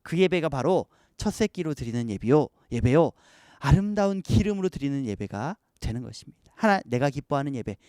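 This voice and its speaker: A male pastor preaching an online youth sermon, animated, often acting out the voices he quotes. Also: medium pitch, a little fast, no room sound, studio quality.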